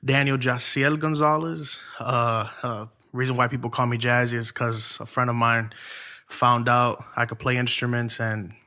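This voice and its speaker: A man's voice: medium pitch, little pitch movement, normal speed, bright, forceful tone. A young man from Ohio, a church music minister who is a podcast guest, talking in a laid-back, friendly way with some restarts. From Lorain, Ohio. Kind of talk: casual interview talk.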